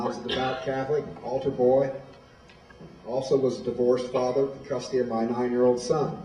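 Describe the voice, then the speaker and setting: A man in his fifties from Illinois, USA, gives a plainspoken personal testimony as a guest speaker at a school, in a storytelling manner. His mid-range voice is mellow and dark. He sounds far from the mic, in a roomy hall with noticeable echo.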